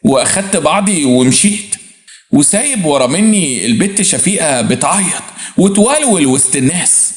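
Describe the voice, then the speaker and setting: A man with an Egyptian accent narrating a dramatic story in the first person, in an expressive, vivid colloquial way. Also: a little high, normal speed. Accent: Egyptian Arabic. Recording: roomy echo.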